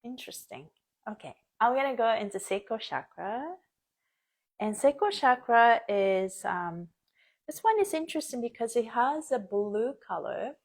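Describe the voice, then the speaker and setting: A woman's voice: fairly high pitch, lively intonation, moderate pace. A woman born and raised in Japan, hosting a casual live stream, chatty with frequent laughs and many fillers. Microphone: phone or webcam, live stream.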